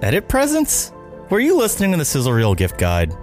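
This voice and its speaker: A man's voice: a little high, brisk, faint music behind. A man playing a panicky frazzled editor. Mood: bewildered. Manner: yelping, excitable outbursts. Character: frazzled young male video editor, panicky.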